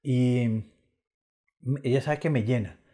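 A man's voice: mid-range voice, slow, mellow. A middle-aged man with a Colombian Spanish accent chatting casually as a comedian guest on a podcast, with frequent restarts. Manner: chatty, stammering restarts, laughs often.

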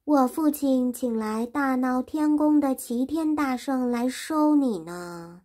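A woman's voice: high-pitched, takes it slowly, dark tone, pitched above the performer's own voice. A woman voicing a cocky male monkey king warrior from a storybook, speaking boldly and boastfully. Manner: bold and boastful.

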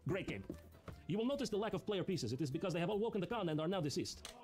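A man's voice: sits high, animated, fast, darkish tone, soft background music. A man in his thirties giving sarcastic comedic commentary on video clips, with mocking asides. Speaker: host reacting to video clips. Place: studio room with couch and brick wall.

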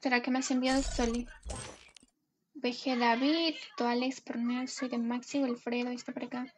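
Una mujer joven que transmite en directo un juego, charlando de forma juguetona y leyendo en voz alta los nombres de su chat. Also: female voice, on the high side, little pitch movement, moderate pace, slight background noise. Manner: chatty, playful, greets viewers and reads chat names aloud. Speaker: gaming live streamer. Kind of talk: casual live stream chat.

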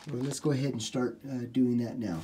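The recording is very noisy as a middle-aged home repair contractor, mid-range voice fairly even and fairly quick, talks through a basement job one step at a time. He's plain-spoken, says "uh" a lot, and it's a how-to walkthrough in a small indoor space.

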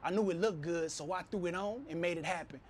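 A man in his thirties gives a steady, reflective spoken word piece at a stand mic. His voice sits slightly high for a man. Faint noise drifts in around him on the open rooftop. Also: fast talker. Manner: steady, heartfelt, reflective delivery. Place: city rooftop, outdoors.

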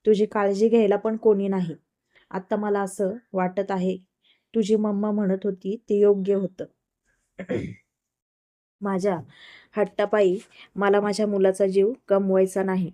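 A woman's voice: mid-range voice, level tone, measured pace, long pauses, dark tone, lightly acted. A woman reading the lines of a stern, worried middle-aged father in a storybook tale. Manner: stern, scolding.

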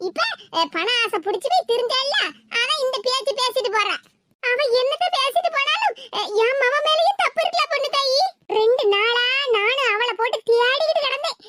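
Someone doing a tired old tirunelveli mom, whiny and resigned, super high squeaky voice, noisy rec. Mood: grumbling. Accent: Tirunelveli Tamil. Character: older mother, weary and resigned. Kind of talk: cartoon voice acting.

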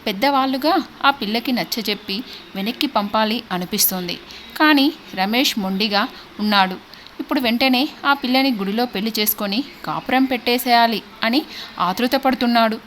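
A woman narrating a serialized story in a steady, expressive way. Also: fairly high pitch, moderate pace, slight background noise. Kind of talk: audiobook narration.

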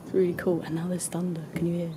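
A young woman chatting casually to a handheld camera for a vlog, low-key and hungover. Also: completely flat delivery, fast talker, noisy background. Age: young adult. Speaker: vlogger. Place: outdoors in a garden and inside a house. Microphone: handheld camera at arm's length.

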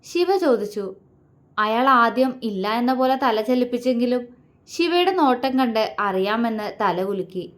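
Woman reading a story aloud, even and measured, a touch high-pitched. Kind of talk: scripted story narration.

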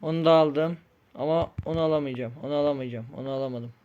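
A young man commenting on his own game play, frustrated and pleading, muttering one moment and yelling the next. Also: a little high, fast, narrow, tinny audio. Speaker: gaming streamer. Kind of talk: Minecraft-style game commentary.

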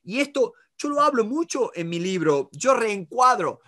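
A middle-aged man with an Argentine Spanish accent teaches negotiation in a live online class, lively and talking to students by name with frequent checks on whether they follow. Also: high-pitched, measured pace. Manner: animated, talks to students by name, many rhetorical checks. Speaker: negotiation instructor.

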